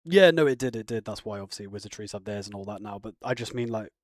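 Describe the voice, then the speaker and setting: Here a man with a lowish voice talks fast and with lively intonation while casually chatting on his live stream, wandering from topic to topic and replying to comments from chat. The sound is clean, studio quality, without echo.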